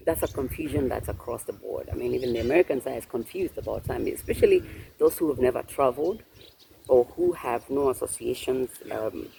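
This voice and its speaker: A man's voice: mid-range voice, lively intonation, brisk, creaky, dark tone, a little hiss or hum. A man being interviewed, explaining things patiently in a casual chat and laughing often. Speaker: guest.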